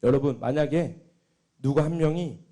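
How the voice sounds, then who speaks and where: A young man, a junior pastor, preaching a sermon with emphatic swings between loud exclamations and hushed asides. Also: fairly high pitch, moderate pace.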